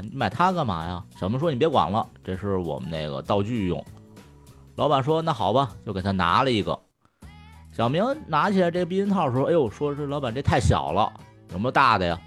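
A man in casual chat, telling crude jokes, swearing freely and laughing loudly at his own punchlines. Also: mid-range voice, big pitch swings, brisk, soft background music.

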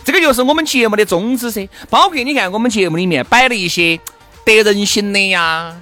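A man's voice: high voice, a little fast, sharp tone, soft background music. A man with a Sichuan accent co-hosting a talk show in casual, teasing, slangy comic banter.

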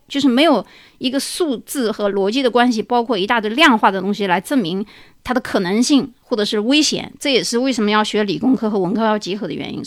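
A woman's voice: mid-range voice, dry recording, clean studio sound. A woman hosting a talk show, explaining things at length through many examples and often dropping in a filler "ah". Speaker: podcast host.

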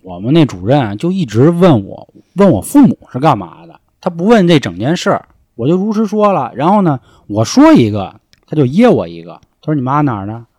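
A young man telling a story in a casual chat, swearing freely and acting out shouts from the story. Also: on the high side, sing-song, brisk, hardly any pauses, husky, dry recording. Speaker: storyteller guest.

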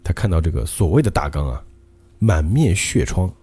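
A male podcast host telling a ghost story in a dramatic, lively way. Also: deep voice, normal speed, slightly rough.

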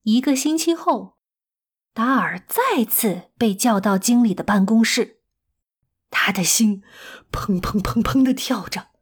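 A woman narrating a children's story with a gentle, expressive, drawn-out delivery. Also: on the high side, breathy edge.

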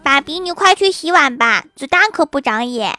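A woman voicing a blunt, innocent little girl who drags her words out slowly like a child. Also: high-pitched, expressive, background noise, voice pushed up. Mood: teasing. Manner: slow, drawn-out childish delivery.

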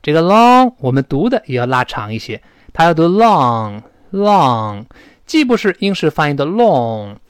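A Chinese man teaching an English pronunciation lesson in Mandarin, drawing English words out slowly to model them. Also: fairly high pitch, dry recording. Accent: Mandarin-speaking teacher.

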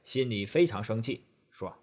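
A male storyteller narrates a children's tale with a lively, rising-and-falling voice. His tone is a little husky and breathy. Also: on the low side, normal speed. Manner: expressive, animated telling.

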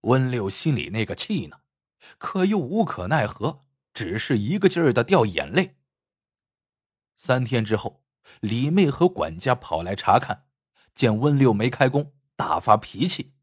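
A male storyteller reads a folk tale with expressive, scripted delivery. His voice is husky and his pitch moves in a lively way. The recording is dry and close. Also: measured pace, no echo.

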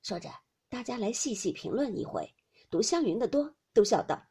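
Woman audiobook narrator, classical novel, lively pitch, high voice, measured verse. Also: breathy edge. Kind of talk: reading a classical novel aloud.

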